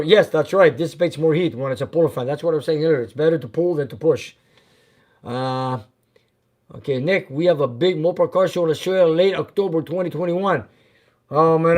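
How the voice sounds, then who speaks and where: A man's voice: on the high side, a little fast, a little mellow. A man from Canada, a mechanic hosting a casual live stream from his repair shop, reading out viewer comments and answering them plainly. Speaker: host and mechanic.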